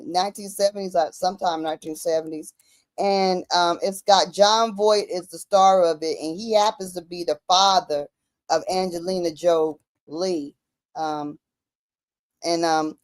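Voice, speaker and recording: A woman talking casually and emphatically, using slang and repeating phrases to drive her points home. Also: medium pitch. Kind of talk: casual conversational commentary.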